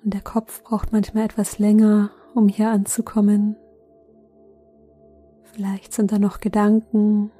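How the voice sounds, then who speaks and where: A woman guides listeners toward sleep in a deeply mellow, warm voice of medium pitch. Her delivery is soothing and gentle, leaving long, unhurried pauses between phrases. Faint music runs behind her. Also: monotone, slightly rough. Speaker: meditation guide, host.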